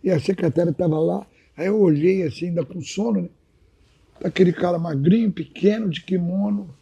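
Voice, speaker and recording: A podcast guest in his 80s, originally from Minas Gerais in Brazil, shares old anecdotes with animation and keeps calling the host by name in a casual storytelling conversation. His voice is high, creaky and husky at a normal speed, captured on dull-sounding audio.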